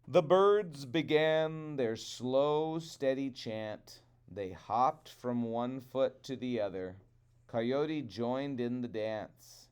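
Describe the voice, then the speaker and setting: Male storyteller for trickster tale: unhurried, resonant, deliberate dramatic phrasing. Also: mid-range voice, a little mellow, clear, resonant tone.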